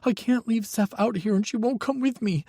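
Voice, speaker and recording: Pitched higher than his natural voice, a man voices a shaky, tearful, frightened young character with a warm tone at normal speed. His delivery trembles, and the studio-quality recording has no echo.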